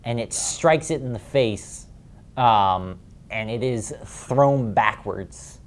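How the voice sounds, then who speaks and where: A man runs a tabletop game, narrating scenes in a loose, rambling way full of fillers. His voice sits at a middling pitch. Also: slow. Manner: rambling descriptions with many fillers. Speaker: game master.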